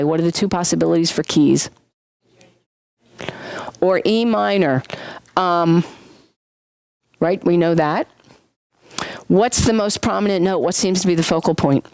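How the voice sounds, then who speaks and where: A woman teaching a music class in a lively way, often questioning her students and singing examples. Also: on the low side, dry recording. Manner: lively, sings solfege and vocal sound effects to demonstrate; asks the class frequent questions. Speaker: music instructor. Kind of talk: classroom lecture.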